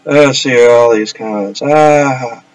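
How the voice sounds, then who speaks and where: A man's voice: medium pitch, slow pace, poor audio. Rambling man live streaming from home. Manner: rambling, restarts often, laughs to himself. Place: upstairs apartment in a house.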